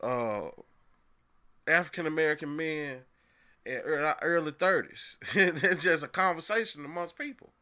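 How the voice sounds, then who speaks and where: A man's voice: fairly high pitch, unhurried, sharp tone. A man co-hosting a podcast in casual chat, talking emphatically and laughing often. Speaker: podcast co-host.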